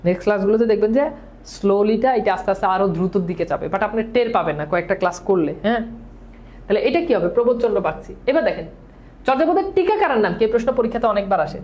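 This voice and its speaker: A man teaches an exam-prep class at a quick clip. His voice sits unusually high. He fires the same question again and again and answers it himself. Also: a little mellow, slight background noise. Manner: drills questions and answers repeatedly; talks fast, as he admits. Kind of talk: online exam-prep lecture.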